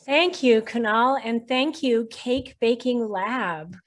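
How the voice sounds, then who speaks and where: Bright-pitched female host, articulate. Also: slow. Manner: lively, articulate, playful. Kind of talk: hosting a live Q&A.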